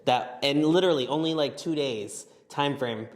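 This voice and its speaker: A man's voice: medium pitch, normal speed, in a large hall. Chatty male podcast host. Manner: chatty, filler-heavy, conversational. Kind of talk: casual podcast interview.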